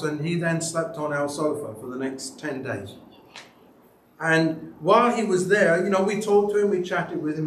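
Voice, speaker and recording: A man's voice: a little high, a little hiss or hum. A man preaching a sermon in a church, telling stories and asking rhetorical questions in a conversational way. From United Kingdom. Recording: roomy church sound, mic at a distance.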